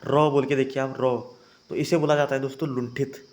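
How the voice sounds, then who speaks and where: A man's voice: medium pitch, level tone, fast, a little mellow. A young man teaching an exam-prep grammar lesson, calling his viewers friends and having them try each sound aloud. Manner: addresses viewers as friends, repeats points.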